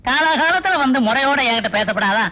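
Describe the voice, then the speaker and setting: A man's voice: extremely high pitch, lively intonation, fairly quick, gravelly, pushed and bright, full character voice. A joking film father. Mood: wry. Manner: teasing, wry, fatherly. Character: joking older father, witty and easygoing. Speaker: father of the heroine. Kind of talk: 1980s film dialogue. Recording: film soundtrack with music underneath.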